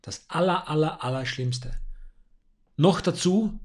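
A man with a somewhat high-pitched voice coaches the listener on public speaking. He speaks to the listener directly in a steady, advisory way, like an experienced stage presenter. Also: takes it slowly. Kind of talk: instructional monologue with tips.

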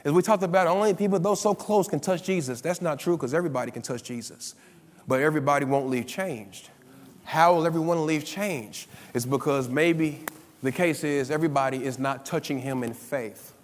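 Man preaching in a church hall, high voice, long echo, gets loud and fired up. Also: moderate pace. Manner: preaching with call-and-response, rising to loud emphatic peaks. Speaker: pastor. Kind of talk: sermon.

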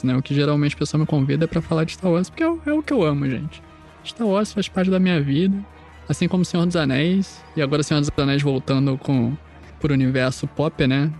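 Brazilian male podcast host, eager and rambling, slightly high-pitched, music faint underneath. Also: a little mellow. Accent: Brazilian Portuguese. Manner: enthusiastic, rambling with restarts. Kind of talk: casual podcast chat.

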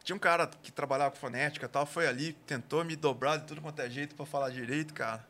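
A man's voice: on the high side, quick pace. A man with a caipira Brazilian Portuguese accent from interior São Paulo, telling stories casually in slang and acting out dialogue. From interior São Paulo state, Brazil. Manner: animated, slangy, acts out dialogue. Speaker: guest, barbecue cook and gastronomy consultant. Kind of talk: casual storytelling.

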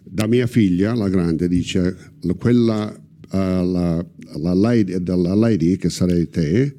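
Middle-aged southern Italian man, very mellow and dark. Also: low-pitched, takes it slowly. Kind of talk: casual chat.

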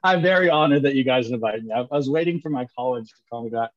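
Guest: man, 30s, upbeat and jokey, mid-pitched, slightly dull lo-fi recording. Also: quick pace. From Canada. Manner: upbeat, joking, laughs often. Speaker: guest entrepreneur. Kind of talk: casual interview chat. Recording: dull lo-fi sound.

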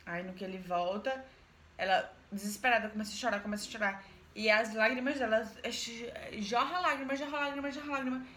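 A woman's voice: a little high, fairly quick, bright, forceful tone. Chatty woman retelling a folk tale. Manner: chatty, emphatic repetitions, asides to the listener. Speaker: storyteller. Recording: roomy echo, faint background noise.

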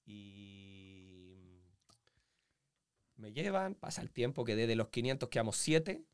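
A man with a Chilean accent, a professional footballer, telling stories from his childhood in a casual interview, animated and acting out the voices of others. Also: fairly low pitch, slow, clear, resonant tone, no room sound, studio quality. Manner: animated storyteller with sound effects and acted-out quotes.

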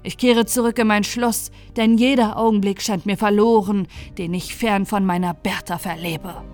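A woman playing a cold, aloof young nobleman in a fairy tale audiobook, speaking in a measured way. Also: medium pitch, steady tone, darkish tone, faint music behind, natural voice.

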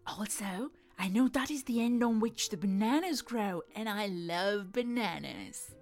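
A woman's voice: mid-range voice, lively intonation, measured pace, soft background music. Woman doing a gloating greedy monkey. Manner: gloating, teasing. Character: greedy, boastful male monkey, mocking.

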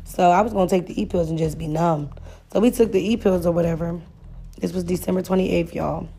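A woman's voice: lowish voice, brisk, breathy edge. A young adult woman casually telling a profane personal story, acting out both sides of the dialogue. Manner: blunt, profane, animated retelling with quoted dialogue. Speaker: storyteller sharing a listener's story.

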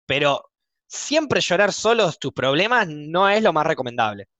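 A man's voice: on the high side, very animated, unhurried, pushed and bright, no room sound. A man with a Rioplatense Argentine accent telling stories bluntly and jokingly in a casual podcast chat, with lots of slang. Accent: Rioplatense Argentine Spanish.

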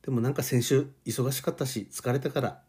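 A man's voice: medium pitch, fairly even intonation, a little fast, darkish tone, husky. A man in his forties hosting a solo podcast, chatting in a loose, easygoing, self-deprecating way about his own life. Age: 40s. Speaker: podcast host. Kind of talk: rambling solo podcast chat.

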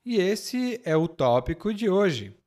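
A man from Ceará with a Brazilian Portuguese accent from that state, teaching a podcast lesson and spelling out example words slowly and carefully. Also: high-pitched, sing-song, very noisy. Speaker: language teacher.

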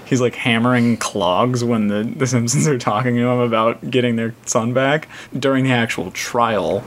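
A man's voice: mid-range voice, steady tone, moderate pace. Laughing man in casual podcast chat. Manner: laughs often, many fillers. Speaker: podcast co-host.

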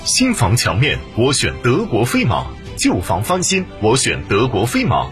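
Highly animated male radio ad voice. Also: moderate pace, over music. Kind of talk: scripted radio commercial voice-over.

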